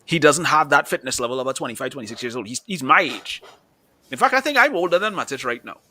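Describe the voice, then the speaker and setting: A man's voice: medium pitch, lively intonation, fast, sharp tone. A man in his thirties co-hosting a casual football chat, rambling with restarts and laughing easily. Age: 30s. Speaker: podcast co-host.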